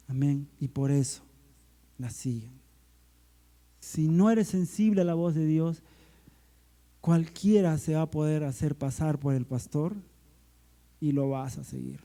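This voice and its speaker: A middle-aged man preaching a sermon to his church, swelling into emphatic lines and slowing to stretch out key words. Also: a little high, dark tone. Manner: preaching with surging emphasis and slowed, stretched phrases. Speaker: pastor. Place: church service.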